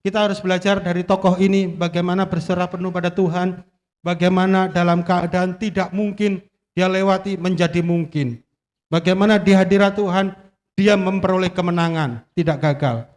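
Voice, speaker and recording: A man giving an animated sermon as a guest preacher in a church, joking with the congregation and asking it questions. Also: high voice, moderate pace, in a large hall.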